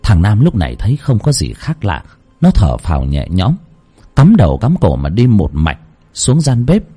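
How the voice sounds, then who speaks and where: A man narrating a horror story dramatically, with sweeping swings in pitch. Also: huge pitch swings, normal speed, dark tone, husky.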